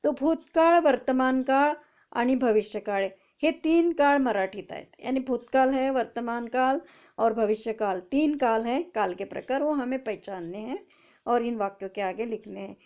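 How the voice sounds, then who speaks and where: A teacher explains a lesson to her pupils, reading sentences aloud slowly and then walking through them. Her voice sits a little high for a woman, with a soft, mellow tone. She often asks a question and answers it herself. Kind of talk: online class explanation.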